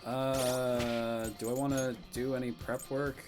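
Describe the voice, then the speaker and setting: A man's voice: medium pitch, little pitch movement, slow, a little mellow. A man streaming a video game, chatting casually with an offhand, wry and playfully sarcastic manner. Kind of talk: casual gameplay commentary. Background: game music.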